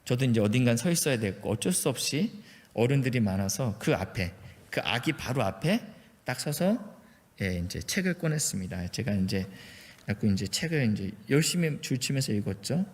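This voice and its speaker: Male pastor from Jeolla, chatty self-mocking sermon anecdote, mid pitch, church reverb. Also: sing-song, normal speed. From Jeolla, South Korea. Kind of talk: sermon storytelling. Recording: echoey church hall.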